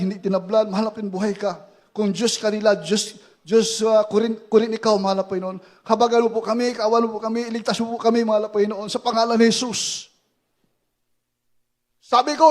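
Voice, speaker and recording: A man with a Filipino accent preaching a testimony sermon, moving from quiet prayerful retelling to shouted praise. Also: very high-pitched. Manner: swings from hushed prayerful retelling to shouted exclamations. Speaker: preacher giving a soldier's testimony.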